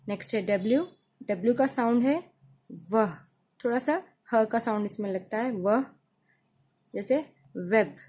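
A woman with an Indian accent teaching letter sounds for children, saying each sound slowly and repeating it. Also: on the high side, warm tone, slightly rough. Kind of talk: phonics lesson for children.

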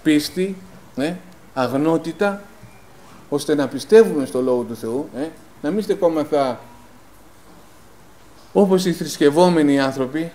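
A man preaching a sermon in a plain conversational tone, asking rhetorical questions, filling pauses with "eh" and calling the congregation brothers. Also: on the high side, warm tone, rough recording. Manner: rhetorical questions answered himself, frequent "eh" fillers; personal anecdotes told in plain conversational tone. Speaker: lay preacher.

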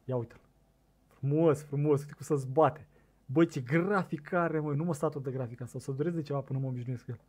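A young man with a Romanian accent giving casual commentary on a fishing game, excitable and talking to his viewers, on a desk microphone set too loud. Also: medium pitch, husky. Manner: excitable, shouts bursts at the game, talks to viewers. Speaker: gaming streamer.

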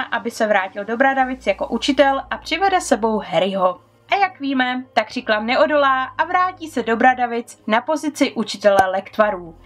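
Lively woman retelling a wizard's story. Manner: lively, questions to the audience, swings in pitch. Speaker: YouTuber retelling book lore. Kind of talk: casual storytelling to viewers.

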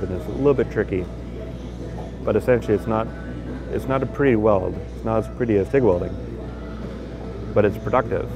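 A man's voice: lowish voice, rough recording. A man with a Canadian accent gives unscripted commentary in a fabrication shop, explaining a welding process step by step with fillers and restarts. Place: large industrial fabrication shop, indoors. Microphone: handheld or lapel mic. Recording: background music under voice.

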